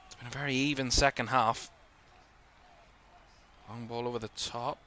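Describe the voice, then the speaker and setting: Live football play-by-play pours quickly from a young man with a Northern Irish accent, whose voice climbs at attacking moments. He keeps a mid-range pitch and a steady, bright, forceful tone.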